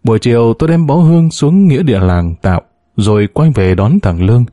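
A man narrating a story aloud in a steady, even storytelling manner. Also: medium pitch, fairly quick, no echo, highs cut off. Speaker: audiobook narrator.

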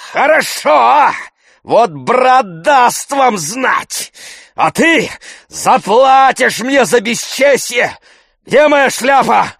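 A man voicing a loud, bullying middle-aged male sponger who shouts abuse and blusters in a storybook reading. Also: extremely high pitch, gravelly, husky, no room sound, clean studio sound, pitched above the performer's own voice, heavily acted.

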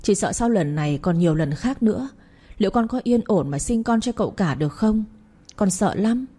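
A woman's voice: mid-range voice, lively intonation, moderate pace, warm tone, slightly rough. A woman reading the part of a sly young maidservant who pleads in a tearful way. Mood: pleading.

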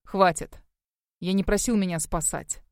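A brooding young werewolf man from an audiobook, voiced by a woman narrator. His lines come out low and hushed, clipped and muttered through clenched teeth. The voice stays dry and close, with no room around it. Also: fairly even intonation, a little slow, dry recording. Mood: curt. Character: brooding young male werewolf, curt and grim.

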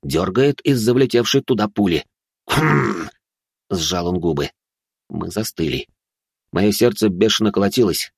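A man's voice: fairly low pitch, breathy edge, no echo, studio quality. A man narrating a first-person story in a tense, dramatic way.

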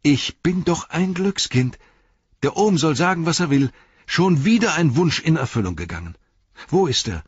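A man's voice: medium pitch, very animated, measured pace, slightly rough, no room sound, voice pushed up. A man voicing an eager, blunt young male hobbit in a storybook reading. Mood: overjoyed. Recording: dull lo-fi recording.

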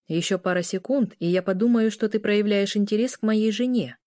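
A woman's voice: mid-range voice, fairly even intonation, fairly quick, dark tone, dry recording, studio quality, close to an everyday voice. A woman voicing a teasing young man who mocks the others with a laugh in his voice. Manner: mocking, teasing.

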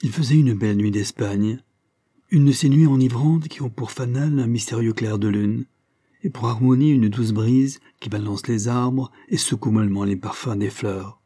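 A man reading a historical novel aloud as narrator, measured and literary. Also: on the low side, warm tone, slightly rough, dry recording, clean studio sound.

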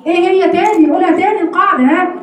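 A woman's voice: extremely high pitch, rapid-fire, recorded from a distance. Egyptian woman teaching from across an echoey room. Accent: Egyptian Arabic. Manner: explains step by step, keeps checking if students follow. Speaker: Quran recitation teacher. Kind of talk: classroom lesson on recitation rules.

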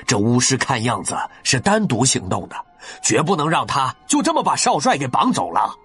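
A man's voice: mid-range voice, wildly swooping pitch, normal speed, fairly bright tone, husky, soft background music, pitched above the performer's own voice, exaggerated voice. A man voicing a wily, theatrical male subordinate officer in an audiobook, speaking eagerly. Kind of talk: audiobook character voice.

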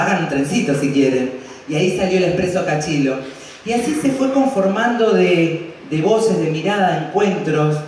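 A man's voice: sits high, darkish tone. A man with an Argentine accent giving an unscripted, colloquial acceptance speech as an award recipient. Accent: Argentine, from Santa Fe province. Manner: colloquial, fond diminutives, checking in with '¿no?'. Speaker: award recipient from a community library. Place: large hall at an award ceremony. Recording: very echoey hall, distant mic, faint noise.

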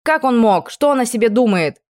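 A spoiled young princess, put on by a woman reading an audiobook throws tantrums in a high, shrill voice. She is bossy and indignant, and the recording is dry and close. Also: lively intonation, brisk, darkish tone, no echo, lightly acted. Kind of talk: audiobook character voice.

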